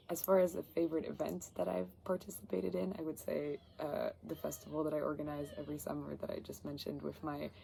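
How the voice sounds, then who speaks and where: Low, gravelly young woman. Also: mellow, slight background noise. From Ireland. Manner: chatty, enthusiastic, many fillers. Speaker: job applicant. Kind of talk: self-recorded application video. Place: garden outdoors.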